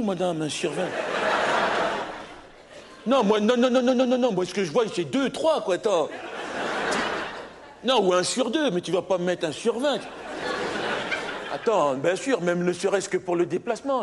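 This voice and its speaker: A man's high voice, full of big pitch swings, carries a stand-up sketch of a brash young oral English exam candidate who argues and stammers. He talks at normal speed with long pauses. The live stage recording is very noisy, with a loud crowd laughing.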